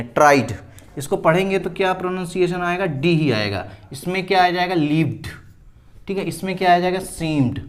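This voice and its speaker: Indian man teaching English, higher voice. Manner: explains slowly, repeats words, keeps asking "ठीक है?". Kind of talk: classroom grammar lesson at a board.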